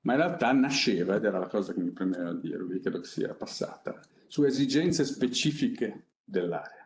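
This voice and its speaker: Middle-aged guy talking at a panel table, unscripted and halting, lowish voice, echoey meeting room with faint hum. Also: lively intonation. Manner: conversational, unscripted, halting with frequent pauses. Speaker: company innovation director presenting a project. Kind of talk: panel presentation.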